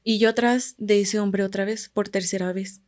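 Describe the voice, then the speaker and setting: Here a Guerrero-born woman, appearing as a podcast guest, shares a relaxed anecdote with a Mexican Spanish accent. Calm and mid-pitched, she talks at an ordinary speed, letting the ends of her phrases drop nearly to a whisper.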